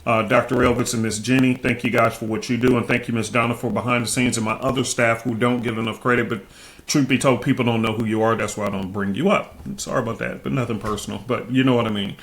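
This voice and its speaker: A man's voice: mid-range voice, steady tone, fast, a bit bright. A man casually hosting trading chart commentary in informal, slangy speech, his cheek swollen after having teeth pulled. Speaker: trading video host.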